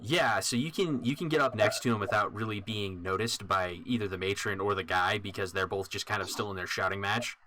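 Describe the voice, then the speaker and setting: A man narrating as dungeon master in a relaxed way with many pauses and fillers. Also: fairly low pitch, crowd noise. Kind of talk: narrating a tabletop game.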